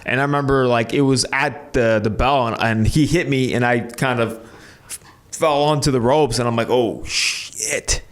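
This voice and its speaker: A young man from Canada, a boxer, chatting easily as a podcast guest. His voice sits at an ordinary middle pitch, and he tells his stories in loose runs broken up by fillers and quick laughs. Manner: relaxed storytelling, frequent fillers and laughs. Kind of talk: casual interview.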